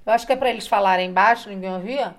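A woman from Brazil chatting casually, telling emphatic, animated stories. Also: mid-range voice, rapid-fire. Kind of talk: casual chat.

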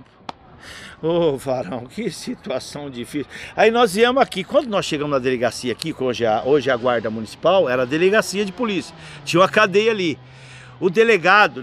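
A middle-aged man, telling stories as a podcast guest in a lively, slangy way. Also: on the high side, a little hiss or hum. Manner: lively, slangy, animated storyteller. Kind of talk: casual anecdotal storytelling.

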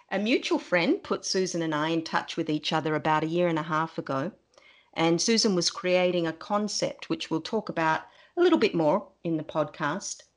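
A woman speaks as a podcast host, introducing and interviewing a guest. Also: on the low side.

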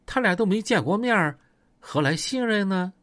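A man's voice: lively intonation, normal speed, fairly bright tone, dry recording. A man with a Northeastern Chinese accent telling a serialized story and acting out every character's lines. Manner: acts out gangster dialogue in lowered voices.

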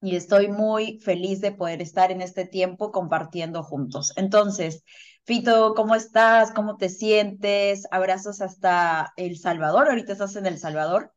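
A woman's voice: medium pitch, measured pace, dull audio. Upbeat woman hosting a podcast. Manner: upbeat, welcoming. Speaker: podcast host.

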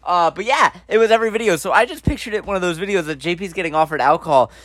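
A man's voice: sits high, racing, no echo, studio quality. A young man casually telling a funny story and acting out the dialogue in voices. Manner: animated, acts out dialogue in voices.

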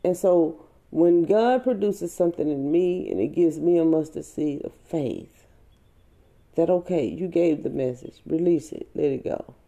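Woman, spiritual monologue, very dark tone, gravelly fry, heartfelt. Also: sits low. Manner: slow, heartfelt, drawn-out phrasing. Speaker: podcast host.

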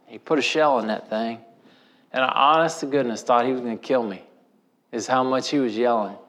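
A man from Missouri gives a sermon as a folksy personal story. He speaks with a mid-range pitch and leans on rural turns of phrase. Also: brisk, a bit bright. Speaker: preacher.

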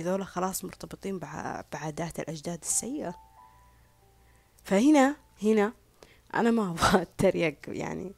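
A woman's voice: mid-range voice, a little mellow. A woman giving an opinionated casual monologue, with sarcastic asides and occasional whispered remarks. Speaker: social media commentator.

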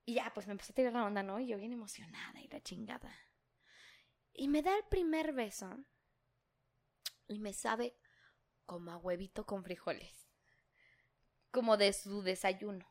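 A woman's voice: medium pitch, moderate pace, pauses often. A young Mexican woman telling crude, slangy stories on a casual chat show, laughing often and mimicking other people. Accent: Mexican Spanish.

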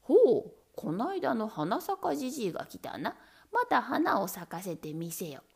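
A woman narrator puts on a haughty old lord from a storybook, bellowing his orders. The voice is gravelly and husky, proud and loud, and it rides a lively, swinging pitch. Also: takes it slowly, exaggerated voice. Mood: angry. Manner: booming, haughty commands. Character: pompous old male feudal lord on horseback.

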